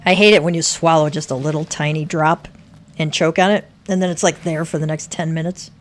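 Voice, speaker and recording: A woman's voice: low-pitched, fairly even intonation, fairly quick, a little hiss or hum. A woman game streamer making chatty, offhand asides while she plays. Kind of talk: casual livestream chat. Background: faint game music.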